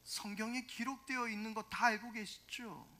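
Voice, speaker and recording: Pastor at the pulpit, sharp bright tone, presses points with questions to the congregation. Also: mid-range voice, moderate pace. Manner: emphatic, with rhetorical questions to the congregation. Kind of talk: Sunday sermon.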